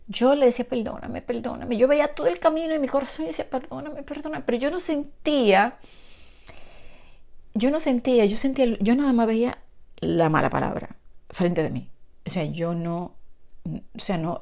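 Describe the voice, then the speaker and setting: A woman preaching in an earnest, emotional way, turning often to her listeners. Her mid-pitched voice has a gravelly, creaky edge. She moves between scripture teaching and personal testimony. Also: lively intonation, fairly quick, mellow.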